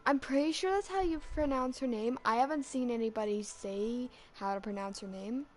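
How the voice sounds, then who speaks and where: A woman chatting casually as a fan vlogger, rambling and excitable with lots of restarts, her voice cracking slightly from being sick. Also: a little high, normal speed, a little hiss or hum. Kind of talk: casual chat.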